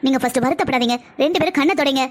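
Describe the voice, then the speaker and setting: A woman voicing a busy female doctor in a cartoon, talking in a brisk, commanding but reassuring way. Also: high-pitched, lightly acted. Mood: stern reassurance. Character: calm, firm female doctor, a busy pediatrician. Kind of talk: cartoon voice acting.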